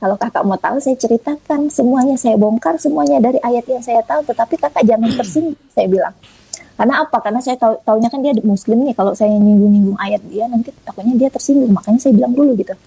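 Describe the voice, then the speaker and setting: A woman from Indonesia tells her testimony in a conversational, animated way and acts out each line of quoted dialogue. Her voice sits a little high and is soft and husky with a mellow tone. The sound is dry and close. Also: fast, dry recording, poor audio. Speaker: guest giving a testimony. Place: online audio room.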